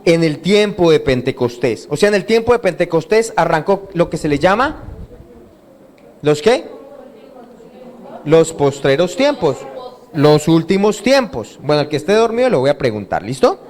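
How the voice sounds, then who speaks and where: A man's voice: a little high, very animated, normal speed, a little mellow. A male pastor preaching an interactive sermon, asking his congregation questions and having them call out and repeat the answers. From Colombia. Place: church hall.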